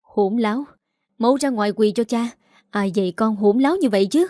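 A woman's voice: fairly high pitch, normal speed, dark tone, dry recording, clean studio sound, natural voice. A woman voicing a stern, strict father who scolds with curt commands. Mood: angry scolding.

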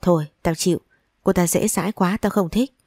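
A woman's voice: lowish voice, a little fast, warm tone, slightly rough, no echo, clean studio sound. A woman voicing a frightened, blunt young man who is the boyfriend's best friend in a spoken story. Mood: flustered.

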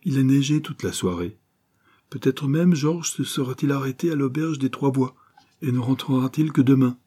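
A man voicing a calm, slightly raspy older retired notary, in a storybook reading. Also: mid-range voice, normal speed, voice pushed up, natural voice. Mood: reasoning.

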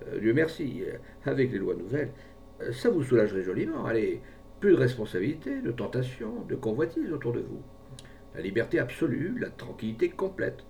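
A man's voice: mid-range voice, very animated, brisk, vocal fry, a little mellow, recorded from a distance, a little hiss or hum. Man playing a scheming, wheedling pharmacist. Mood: coaxing. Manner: persuasive, wheedling, falsely jovial. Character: scheming smooth-talking male pharmacist.

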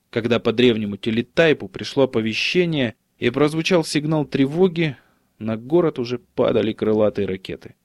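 Brief: male narrator, mid pitch, dry studio sound, measured reading. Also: darkish tone, no echo. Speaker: audiobook narrator. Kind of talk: scripted audiobook narration.

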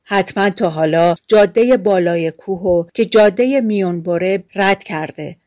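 A woman's voice: medium pitch, a little mellow, no room sound, studio quality, close to an everyday voice. A woman reading as a sly peasant trickster man. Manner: sly, placating.

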